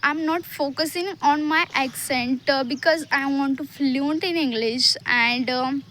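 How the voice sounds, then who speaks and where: A woman with an Indian accent from Maharashtra, talking to camera in halting learner English with many hesitations and restarts. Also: high voice, a bit bright, a little hiss or hum. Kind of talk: casual talk to camera.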